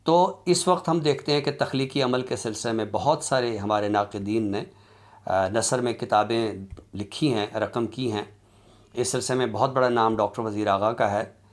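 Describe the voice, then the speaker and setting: A man with an Urdu accent delivers a formal academic lecture on literature in a lowish voice. He speaks in a measured, deliberate way, pausing often and stretching out his fillers.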